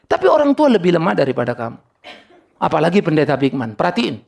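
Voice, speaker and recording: An older male pastor preaching with a gravelly edge to his voice. His pitch swings widely, rising high as he acts out the people he quotes. He slips English words into his sermon. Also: huge pitch swings, quick pace, darkish tone.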